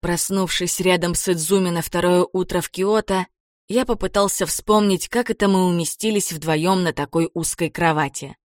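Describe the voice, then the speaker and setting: A woman with a lowish voice reads a novel aloud in calm, even narration. The recording is dry and close, with no room sound. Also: moderate pace, no echo. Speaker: audiobook narrator. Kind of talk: scripted narration.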